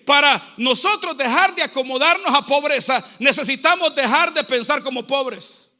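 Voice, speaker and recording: High-pitched, bright-voiced preaching man. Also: normal speed. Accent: Central American Spanish. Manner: exhorting, repetitive preaching cadence. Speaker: pastor. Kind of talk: sermon.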